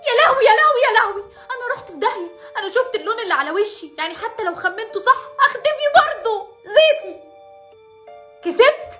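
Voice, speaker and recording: An Egyptian woman talks in a very high, bright voice, excitable and quick to exclaim. Her delivery is fast and dramatic, with faint music running under it. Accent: Egyptian Arabic. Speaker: storyteller voicing the lead girl. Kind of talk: cartoon voice acting.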